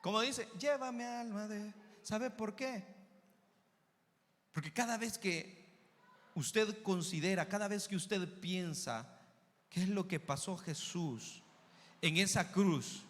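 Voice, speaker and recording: A male pastor preaching a sermon, swinging between loud calls and soft low asides, speaking straight to the congregation as brother and church. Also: slow pace, long pauses. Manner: addresses listeners directly as brother and church. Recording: long hall reverb.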